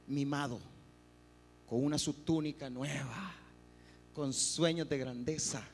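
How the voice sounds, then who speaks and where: Male pastor, high-pitched, animated, echoing church hall. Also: a little hiss or hum. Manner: animated, acts out quoted voices, addresses listeners as "hermano". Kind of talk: sermon. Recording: reverberant church hall, faint music.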